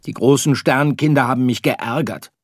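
A man's voice: mid-range voice, brisk, slightly rough, no echo, studio quality, voice pushed up, close to an everyday voice. A man reading an audiobook, voicing a small boy star who is tearful and whiny. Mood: upset. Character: little boy star, upset and weepy.

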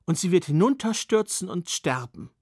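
A man's voice: sits high, animated, moderate pace, darkish tone, husky, dry recording, clean studio sound, heavily acted. A man voicing an old woman who solemnly foretells a curse, in a storybook reading. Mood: ominous.

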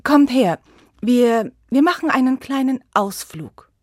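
Storybook sun, trusting and emphatic , a woman reading her, slow. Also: a little high, expressive, a little mellow, no echo, studio quality, voice pushed up. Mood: cheerful. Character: trusting female sun, warm-hearted and later furious.

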